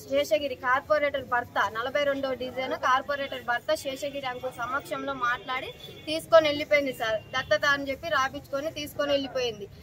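A young woman in her twenties, high-pitched and fairly bright, speaks fast with fairly even intonation as she urgently pleads with officials in a distressed street appeal to reporters, repeating herself. Traffic and street noise surround the recording.

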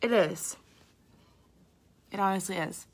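A woman's voice: mid-range voice, takes it slowly, slightly rough. A young woman makeup artist giving a casual live tutorial, chatty and candid, with a tired, sleepy voice. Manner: chatty, candid, self-deprecating, lots of fillers.

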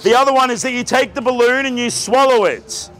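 Picked up on an outdoor camera with crowd and music in the background, this rough recording captures a thirtysomething Australian street magician delivering live show patter. He projects and jokes to onlookers at a night market in an extremely high, slightly bright voice at a fairly quick clip.

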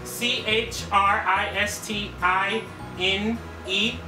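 A young man playing an insistent, oblivious new fast-food employee in a rambling, deadpan prank call. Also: high voice. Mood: earnest, insistent. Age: young adult. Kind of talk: improvised prank phone call. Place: small living room. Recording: roomy, distant camera sound, music.

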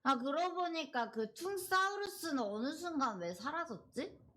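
A woman's voice: high-pitched, animated, moderate pace, pushed and bright, faint music behind. A woman live streamer chatting casually with viewers, playful and teasing as she thinks aloud, with slightly slurred articulation from a dental retainer.

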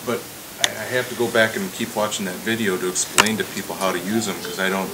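A low-voiced man chats from across a tackle shop, his quick offhand remarks tumbling out fast. He sounds distant from the microphone, with a loud hiss running beneath his voice. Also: fairly even intonation. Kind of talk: casual chat.

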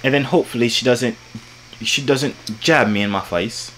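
On a video call from a small bedroom, a young man puts on a phony British accent over his natural American for some playful prank chatter. He speaks at a normal speed, jokey throughout, and now and then bursts out in loud, high exclamations. Slight noise sits in the background.

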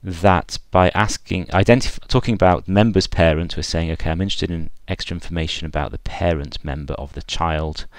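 Very deep-voiced man demoing software. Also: fairly even intonation, fairly quick, hardly any pauses, dry recording. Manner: thinking aloud with fillers and restarts. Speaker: software developer giving a screencast demo. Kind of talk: unscripted screencast walkthrough.

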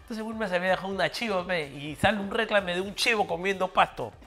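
Peruvian man telling stories, bright voice. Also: high-pitched, fast, faint music behind. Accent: Peruvian Spanish. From Peru. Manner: animated storyteller who acts out voices and laughs. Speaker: former footballer guest. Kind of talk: casual storytelling chat.

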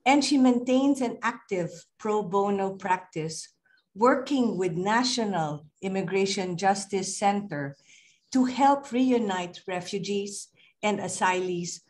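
An older woman, hosting a webinar and reading a formal, proud introduction of the speaker over a video call. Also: medium pitch. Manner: measured, proud, ceremonial. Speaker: webinar host. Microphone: computer mic on a video call.

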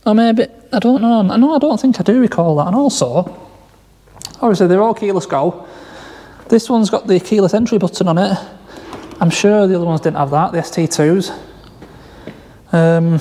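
A man's voice: sits high, dark tone, long reverb tail. A man rambling through a casual walkaround of a damaged car in a large workshop garage, with many fillers and restarts. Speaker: car salvage vlogger.

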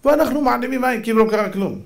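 A man's voice: very high-pitched, gravelly. A man rabbi giving a Torah lesson sermon, emphatic and full of rhetorical questions, sometimes raising his voice. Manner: acts out quoted voices.

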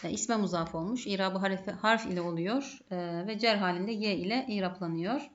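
This grammar lesson comes from a woman with a Turkish accent who explains Arabic grammar methodically, step by step, questioning herself and supplying the answers. Her mid-range voice keeps a moderate pace over dull audio.

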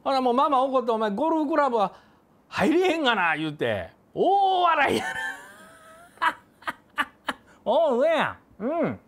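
A man with a Kansai accent playing a loud, bullying middle-aged café customer who blusters and threatens in a comedy sketch. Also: very high-pitched, very animated, measured pace, pauses often, full character voice. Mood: boastful phone chat. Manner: blustering, threatening, keeps saying "you".

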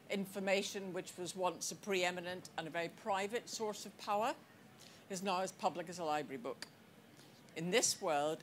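A woman delivering a scripted conference speech, measured and deliberate, with the odd wry aside. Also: deep voice, a little hiss or hum. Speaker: conference speaker. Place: conference hall.

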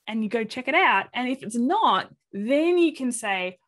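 Over a webcam call, this Australian presenter delivers an inclusion webinar at an unhurried pace in a slightly high voice. She's animated, switching voices to dramatize the reactions she quotes.

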